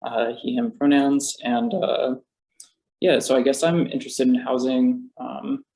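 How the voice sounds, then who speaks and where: A young man with a mellow, dark voice speaks on a video call. He is hesitant and fills his sentences with ums and you-knows. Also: medium pitch, fairly even intonation, measured pace, vocal fry, poor audio. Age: young adult. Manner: hesitant, many fillers. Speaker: student. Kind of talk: online community meeting introduction.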